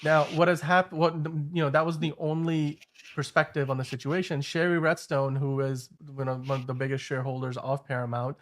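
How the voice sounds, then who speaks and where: A man's voice: fairly high pitch, little pitch movement, brisk. A man hosting an entertainment news show, giving casual commentary in a loose, conversational way with frequent asides.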